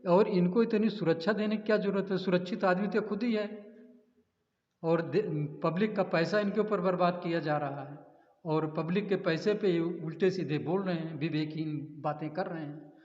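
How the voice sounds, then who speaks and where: A man's voice: sits high, moderate pace, darkish tone. Male pundit, indignant and emphatic, on a muffled roomy recording. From Uttar Pradesh, India. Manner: indignant, emphatic, with hesitant restarts. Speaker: political analyst. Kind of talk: news interview answers. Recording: echoey, roomy, dull lo-fi sound.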